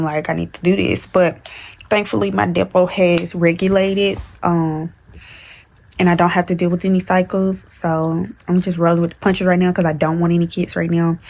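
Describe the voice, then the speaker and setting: A woman in her early twenties with talks candidly in a rambling vlog chat, full of fillers and restarts. Her voice sits low and stays fairly flat in pitch throughout. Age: 20s. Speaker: vlogger. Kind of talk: casual chat to camera.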